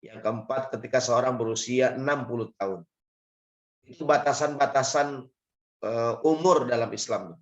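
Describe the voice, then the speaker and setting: A man with an Indonesian accent and a hoarse, raspy voice, giving an informal religious lecture in a conversational, explanatory way. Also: medium pitch, normal speed. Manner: conversational, lightly joking, explains step by step. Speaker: Islamic preacher and guest speaker. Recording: dull, lo-fi audio.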